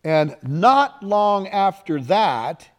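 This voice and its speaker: A man's voice: sits high, very animated, drawn-out words. A man preaching a sermon in an emphatic, conversational way, often asking his listeners questions.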